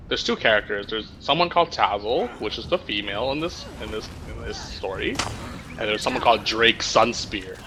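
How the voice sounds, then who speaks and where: With lively intonation and a fairly low pitch, a man reads roleplay text to friends over voice chat at normal speed. He stumbles here and there and holds back laughter, and faint background noise comes through the chat.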